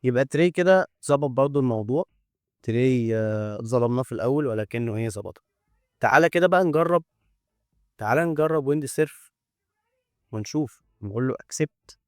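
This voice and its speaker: A man's voice: mid-range voice, fairly quick, a little mellow, no room sound, clean studio sound. A man with an Egyptian Arabic accent walks through a coding tool on screen in a casual demo. He chats as he goes, thinks aloud and drops joking asides. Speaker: tech YouTuber.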